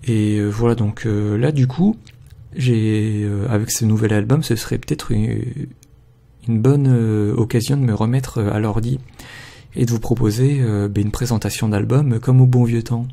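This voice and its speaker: A man talking casually as a video blogger reviewing an album, hesitant and full of filler pauses. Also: fairly low pitch, steady tone, vocal fry, warm tone.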